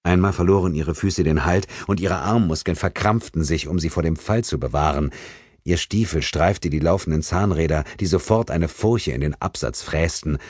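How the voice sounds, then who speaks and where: A man narrating a thriller audiobook in a measured, tense way. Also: low-pitched, darkish tone, no echo, clean studio sound. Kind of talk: scripted narration.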